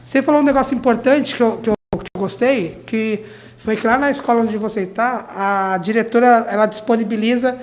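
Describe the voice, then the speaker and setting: A woman's voice: a little high, a little fast, a little hiss or hum. A woman interviewing a guest on a radio show, conversational, often ending her phrases with a questioning tag.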